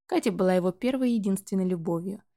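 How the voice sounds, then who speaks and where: A woman narrating a novel in an even, measured storytelling voice. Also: medium pitch. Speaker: audiobook narrator. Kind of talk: scripted narration.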